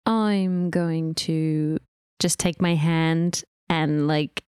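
A woman with a lowish voice plays a tabletop game. She casually talks through her character's actions, with very little room echo. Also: fairly even intonation, drawn-out words, darkish tone, clean tone, studio quality.

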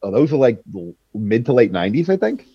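A man's voice: mid-range voice, sing-song, fairly quick, slightly rough, no echo, lo-fi sound. A man with a Boston accent chatting as a podcast co-host over a remote call, laid-back and self-mocking. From Boston, United States. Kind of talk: casual podcast chat.

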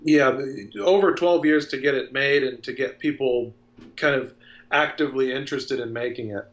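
A man's voice: mid-range voice, normal speed. A man in his thirties, a filmmaker guest in a casual interview, talking in a reflective, earnest way. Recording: dull lo-fi sound.

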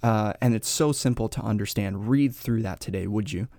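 A man's voice: fairly low pitch, moderate pace, darkish tone, no echo. A man, a pastor co-hosting a church podcast, talking casually and upbeat about reaching people. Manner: upbeat, acts out quoted people in livelier voices.

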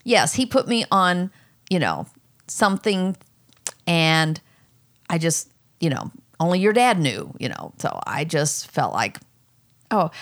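A middle-aged mother speaking candidly in a personal conversation, telling her own story earnestly and jumping high in pitch when she quotes herself. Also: a bit bright.

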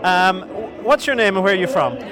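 A man's voice: high voice, animated, a little fast, crowd noise, poor audio. A middle-aged man, hosting a casual community radio interview in a chatty, teasing way. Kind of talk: casual outdoor broadcast interview. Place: outdoors in a busy town square outside a hotel. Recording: outdoor field recording, loud music behind. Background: loud country music from pubs.

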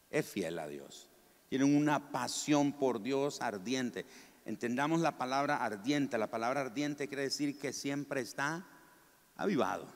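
A man preaching a sermon in a large church, stressing his points by repeating them in slow, drawn-out phrases. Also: mid-range voice. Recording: long hall reverb.

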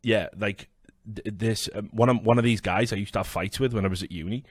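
A man in his thirties chatting casually and telling anecdotes in a sweary, blokey, animated way. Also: fairly low pitch, brisk, slightly rough, no echo, clean studio sound. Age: 30s. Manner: sweary, blokey, animated storytelling with acted-out quotes. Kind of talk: casual chat, telling bar-fight anecdotes.

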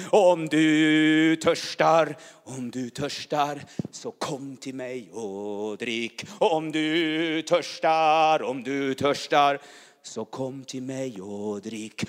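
A man preaching in a charismatic style, chanting repeated phrases that swell into loud proclamations, then speaking softly and personally. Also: fairly high pitch. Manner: rhythmic chanting repetition, rising to shouts. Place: church hall. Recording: long hall reverb.

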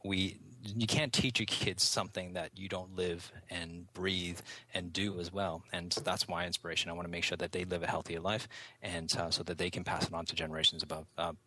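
A man's voice: deep voice, level tone, a little fast, few pauses, sharp tone, slight background noise. A middle-aged man hosting a casual health podcast, upbeat and announcer-like. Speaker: podcast host.

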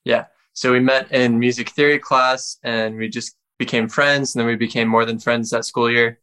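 Flat-toned young man from Wisconsin. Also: mid-range voice, moderate pace, smooth. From Wisconsin, United States. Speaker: musician guest. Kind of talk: casual interview talk.

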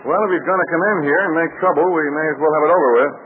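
Brisk, confident Pat Ryan, acted by a man, noisy radio. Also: a little high, close to an everyday voice. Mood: wry, confident. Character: tough, confident, wry grown male adventurer. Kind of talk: 1940s radio serial acting. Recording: noisy, tinny old radio recording.

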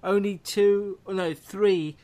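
A man's voice: sits high, fairly even intonation, slow pace, dark tone. A man co-hosting a review show in casual discussion. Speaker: co-host of a TV review podcast.

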